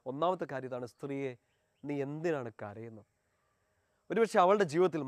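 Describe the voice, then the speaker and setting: Male preacher, fast pleading sermon, slightly high voice. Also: no room sound. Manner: earnest, pleading, swells then drops soft.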